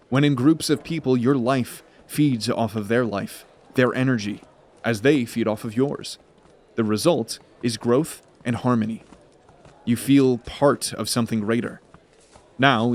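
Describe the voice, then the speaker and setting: A man's slightly mellow, mid-range voice carries a scripted fantasy narrative, delivered in a measured and dramatic way.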